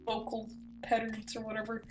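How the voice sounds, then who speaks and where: Woman, fairly high voice, giggly co-host on a casual game stream, game music faint behind. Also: monotone, normal speed. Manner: giggly, joking asides. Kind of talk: casual gameplay chat.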